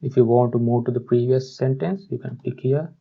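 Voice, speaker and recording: This man's mid-range voice is creaky and slightly rough, and his tone holds steady. He gives halting, instructional narration for a step-by-step software tutorial through a dull, muffled microphone.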